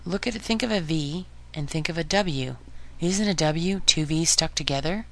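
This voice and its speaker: A woman hosting a podcast lesson on Spanish pronunciation, modeling each sound slowly and clearly for listeners to repeat. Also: low-pitched. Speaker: Spanish teacher.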